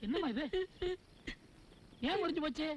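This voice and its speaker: A man's voice: extremely high pitch, lively intonation, moderate pace, slight background noise. An actor playing a smitten middle-aged father in a comic film scene, punctuating talk with grunts.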